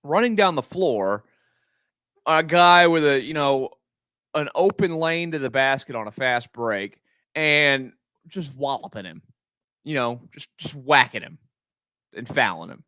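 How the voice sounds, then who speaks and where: A man's voice: medium pitch, lively intonation, unhurried, long pauses, pushed and bright, dry recording. Middle-aged guy ranting after the game on his podcast, worked up, emphatic, dry close sound. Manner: exasperated, emphatic, restarts often. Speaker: sports podcast host. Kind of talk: post-game sports rant.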